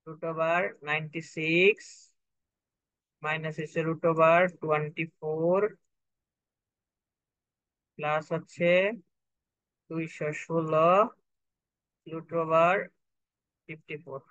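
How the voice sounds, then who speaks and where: A young man teaches a math lesson, breaking each step down patiently and repeating himself to make sure students follow. His voice sits slightly high for a man. The recording is dry and dull, like a lo-fi online class. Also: monotone, slow, long pauses, fairly bright tone, dry recording. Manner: patient, repetitive, checks for understanding. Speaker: math tutor.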